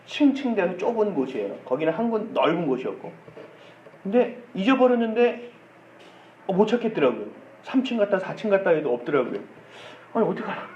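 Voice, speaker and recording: A man's voice: high voice, big pitch swings, fairly quick. Male preacher, storytelling sermon, dull muffled recording, faint hiss. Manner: storytelling with acted quotes and soft laughs. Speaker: pastor. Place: church sanctuary. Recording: dull echoey church sound with faint hiss.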